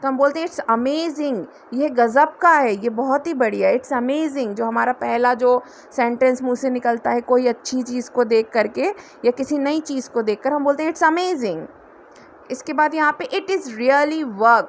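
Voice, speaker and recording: A woman's voice: sits high, normal speed, few pauses, a little hiss or hum. A woman teaching everyday English phrases, patiently explaining each one step by step. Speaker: English tutor. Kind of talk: spoken English lesson.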